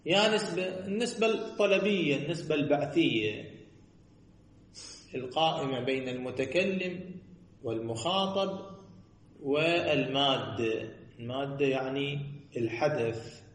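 A man's voice: mid-range voice, measured pace, pauses often. A man giving a scholarly lesson, posing rhetorical questions and answering them himself in a sing-song cadence. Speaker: teacher. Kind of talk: seminary lecture on jurisprudence. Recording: echoey room.

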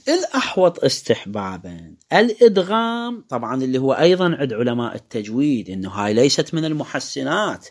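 A man's voice: on the high side, creaky. A man with an Iraqi Arabic accent teaching recitation rules, explaining step by step and drawing out words to demonstrate them. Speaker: religious teacher. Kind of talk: lecture on Quran recitation rules.

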